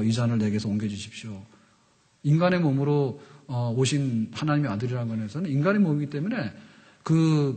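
Preaching from a church sanctuary pulpit mic, a man in his fifties keeps his sermon conversational and regularly questions the congregation. His voice is medium in pitch, a little mellow and slightly rough, heard in a reverberant hall.

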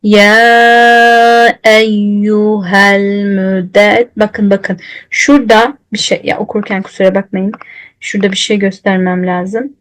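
A woman teaching Quran recitation, patiently demonstrating letter sounds and repeating them slowly. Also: mid-range voice, fairly even intonation, rough recording. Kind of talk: recitation lesson.

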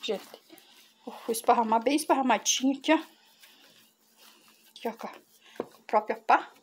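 A Brazilian cooking vlogger, middle-aged, speaks at a moderate pace in a high, bright voice while showing viewers a simple recipe on her farm. She often addresses them as "gente" in this casual demo, with a faint hiss of noise under her voice.

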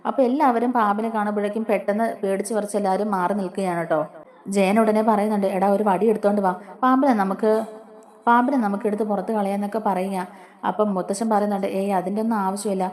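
Fast-talking woman retelling a serial. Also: medium pitch, fairly even intonation, darkish tone. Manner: chatty retelling, often adding tag words to the listener. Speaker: serial recap host. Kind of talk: casual spoken recap of a TV serial episode.

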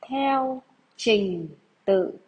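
Slow, husky woman teacher dictating. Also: fairly high pitch, animated, a little mellow, rough recording. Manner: deliberate, measured, repeats phrases. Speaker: primary school teacher. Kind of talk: slow dictation lesson for young pupils.

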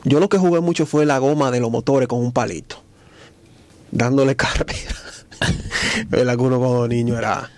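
A man's voice: mid-range voice, fairly even intonation, normal speed, pauses often, darkish tone, no echo. A man with a Dominican accent, hosting a radio show and reminiscing casually. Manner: affirming, storytelling. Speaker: radio host.

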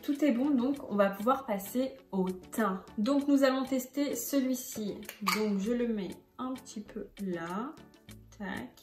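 A bubbly young Frenchwoman chats her way through a makeup test, her voice sitting a little high and full of exclamations. The room rings with echo and music plays softly behind her. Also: a little slow. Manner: bubbly, chatty, exclaims a lot. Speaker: beauty vlogger. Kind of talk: casual makeup tutorial vlog. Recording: echoey room with background music.

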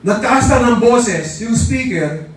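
A man's voice: extremely high pitch, takes it slowly, far from the mic. A middle-aged man giving a live motivational seminar talk, telling his story with animation and acting out quoted voices. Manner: animated storytelling, mixing English phrases; acts out quoted voices and raises his voice for effect. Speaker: motivational speaker. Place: large seminar hall with a live audience. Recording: echoey hall, voice from afar. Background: faint audience and room noise.

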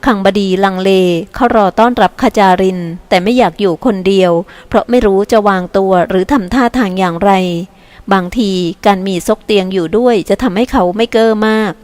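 A woman reading a novel aloud as an audiobook narrator, in a calm, even storytelling manner. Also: mid-range voice, fairly quick, no echo. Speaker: audiobook reader. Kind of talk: scripted narration.

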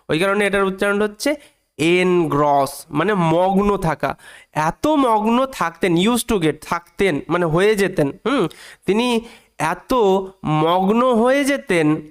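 A man teaching an English reading lesson, breaking each sentence into small parts and repeating phrases, drawing out the English words slowly. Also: sits high, clear, resonant tone.

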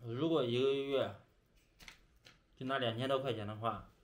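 A young adult Chinese man vlogs from a small bedroom, chatting casually while he eats. His voice sits at a medium pitch with a steady tone and a moderate pace, and he talks with his mouth full, chewing between phrases.

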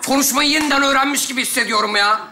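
A man's voice: extremely high pitch, racing, noisy background. A man playing a brash, threatening teacher in a stage comedy sketch.

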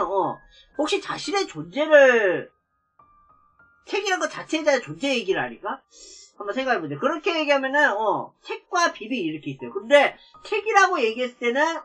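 A woman streams a game, talking to her viewers in a bright, fairly high voice. Her pitch rises and falls a lot, and she breaks into loud exclamations when the game startles her. Faint game music plays behind her. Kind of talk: let's play commentary.

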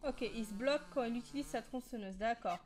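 A woman's voice: a little high, fast talker, darkish tone. A woman giving casual commentary on a horror game, jumpy and panicky, often laughing and repeating herself. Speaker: let's play gamer.

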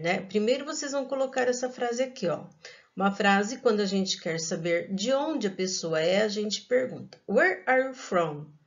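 A Brazilian woman with a Brazilian Portuguese accent teaches English to young children in a recorded online class, speaking slowly and carefully and repeating each word. Her voice is mid-range, and the audio has its highs cut off.

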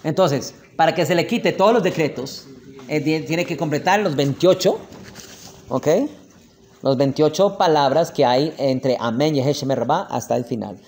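A rabbi with a Colombian Spanish accent teaches prayer customs in a somewhat high voice with a darkish tone, slowing down to spell out each prayer word. His manner is explanatory, and he often checks in with "¿ok?" and "¿listo?" to make sure listeners are with him. There's a little hiss or hum.

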